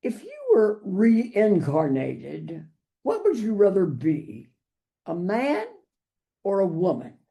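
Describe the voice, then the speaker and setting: A woman voicing a middle-aged American army colonel, asking a question slowly and deliberately in a storybook reading. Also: mid-range voice, wildly swooping pitch, vocal fry, warm tone, exaggerated voice. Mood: curious.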